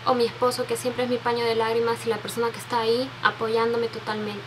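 Speaking fast in a fairly high monotone, this soft-spoken Peruvian woman in her 20s films a casual Q&A tag video on her desk webcam. She's a beauty vlogger in her indoor bedroom with makeup shelves, reading questions aloud sentimentally with many fillers and restarts, while background noise intrudes.

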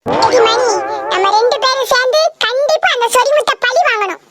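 Cartoon tattletale sister, sharp and accusing, very high squeaky voice, played by a voice actor. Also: normal speed, faint music behind. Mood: scheming. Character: sharp-tongued tattletale girl, younger sister. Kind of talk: Tamil cartoon comedy voice acting.

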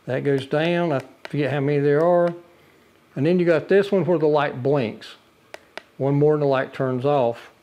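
Casually demoing a camping lantern, an older man talks in plain language peppered with uhs and restarts. He's a product reviewer indoors in a brick-walled living room, and his voice is a little high, mellow and moderately paced.

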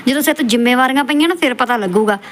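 A woman's voice: sits high, racing, a bit bright, slight background noise. A woman hosting a roast, scolding and insulting the subject of a clip in a lecturing, scornful way. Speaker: roast channel host. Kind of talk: scolding roast commentary over clips.

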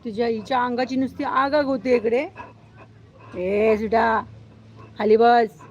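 A woman's voice: a little high, steady tone, a little slow, highs cut off. A woman hosting a casual live stream at home, cooing baby talk to her cat and dog and scolding them sharply. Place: outdoors at home near a gate.

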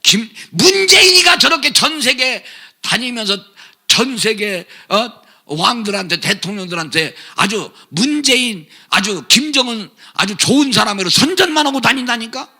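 A man preaching a fiery, scolding sermon, shouting and sarcastic, swinging from loud outbursts to low mutters. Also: animated, normal speed, husky.

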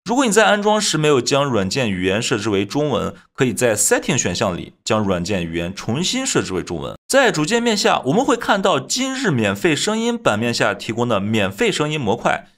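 Man, scripted tutorial narration, medium pitch, extremely lively intonation, step-by-step explanatory delivery. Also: brisk, few pauses. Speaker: software tutorial host.

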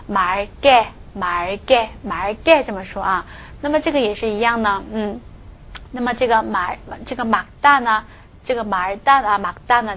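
A woman teaching a recorded pronunciation lesson, explaining step by step and repeating each example word several times, with soft filler particles at the ends of her phrases. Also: on the high side. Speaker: Korean language teacher.

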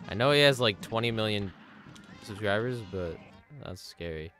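Male game streamer, bright sharp voice, excitable, laughs and swears while thanking donors. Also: on the low side, moderate pace, soft background music. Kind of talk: live gaming stream chat.

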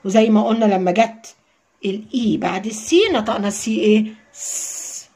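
A woman's voice: medium pitch, steady tone, fast talker, mellow. A woman teaching a beginner phonics lesson, sounding out words letter by letter and then blending them, often asking a question and answering it herself. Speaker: English teacher.

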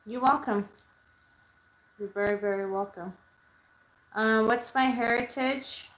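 Streaming from a small bedroom bathed in red light, a spiritual medium in her thirties chats loosely with her viewers, wandering off topic and cursing often. She speaks slowly in a fairly high, steady, fairly bright voice. Her webcam sits at desk distance, and the audio is poor and echoey.

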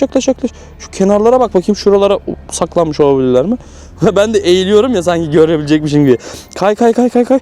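A young man talking viewers through drone footage, jumpy and excitable, swinging from hushed tones to high excited bursts. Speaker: YouTuber flying a drone.

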